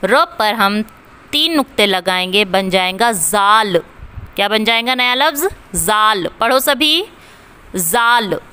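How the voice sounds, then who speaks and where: A woman teacher talks very slowly and deliberately, spelling each word out sound by sound and then saying it again for the class to repeat. Her voice is bright and crisp, pitched a little high, with clean, clear diction. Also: animated. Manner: spells out words letter by letter and repeats them for pupils. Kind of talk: slow classroom reading lesson.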